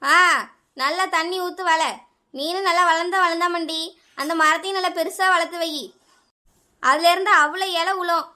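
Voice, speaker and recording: A woman's voice: very high-pitched, fairly even intonation, moderate pace, pauses often, sharp tone. A woman voicing a fed-up, quarrelsome neighbour with a Kanyakumari Tamil accent, scolding and complaining.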